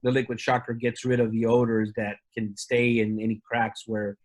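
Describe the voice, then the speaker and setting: A man's voice: medium pitch, flat delivery, normal speed. A man from Argentina, a company representative, talking casually in an interview with many fillers and restarts.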